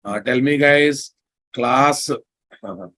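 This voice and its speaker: A man's voice: on the high side, unhurried, fairly bright tone. A man with an Indian accent lecturing online as a programming instructor, bluntly teasing, repeating his phrases and checking understanding with questions.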